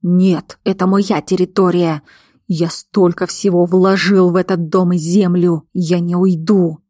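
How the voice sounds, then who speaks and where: A woman voicing a gruff, domineering male bear-shifter boss who barks stubborn orders. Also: fairly low pitch, flat delivery, measured pace, warm tone, no room sound, clean studio sound. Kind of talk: audiobook character voice.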